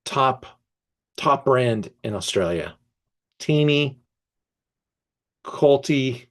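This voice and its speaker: A man hosting an online wine tasting, reading tasting notes aloud and breaking off to react with enthusiasm, often pausing with fillers and restarts. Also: mid-range voice, lively intonation. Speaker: wine merchant presenting a tasting.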